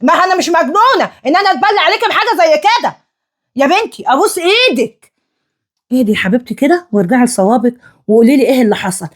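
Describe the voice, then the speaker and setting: A woman's voice: high-pitched, very animated, quick pace. A woman playing an exasperated middle-aged mother with an Egyptian accent, exclaiming and reciting protective prayers. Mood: pleading. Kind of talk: acted comedy drama.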